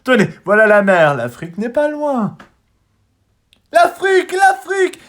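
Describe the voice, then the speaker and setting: A man voicing a boastful, bossy male blackbird who is quick to take offense, in a children's storybook reading. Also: high-pitched, very animated, pitched above the performer's own voice. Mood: excited shouting. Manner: loud, self-assured, proclaims his own name.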